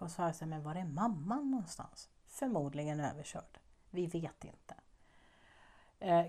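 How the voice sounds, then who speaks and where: A woman with a slightly low voice chats casually to her viewers in an informal vlog. She rambles and thinks out loud, breaking into soft laughs between her thoughts. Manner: chatty, rambling, musing aloud with soft laughs. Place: living abroad in a warm place.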